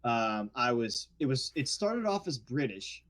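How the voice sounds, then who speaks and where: A man's voice: mid-range voice, unhurried. A man who works as an actor, from the New Orleans area, telling stories in a casual podcast chat with frequent restarts. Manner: storytelling, animated, frequent restarts. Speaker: guest actor.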